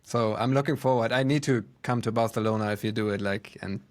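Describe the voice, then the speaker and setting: A man's voice: on the low side, brisk. A man hosting a podcast who asks open questions in a friendly, easygoing way. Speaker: podcast host. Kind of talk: casual interview.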